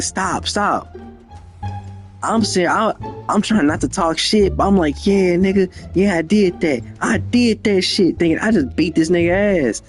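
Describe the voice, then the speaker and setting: Animated young man telling a story. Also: on the high side. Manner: animated, slangy, profane, acts out the dialogue himself. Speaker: storyteller, channel host. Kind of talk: casual storytime monologue.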